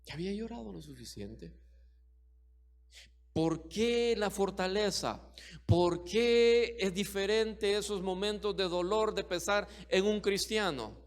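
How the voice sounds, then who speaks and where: A man's voice: high voice, slow. A middle-aged man preaching a sermon as pastor, emphatic and repetitive, full of rhetorical questions.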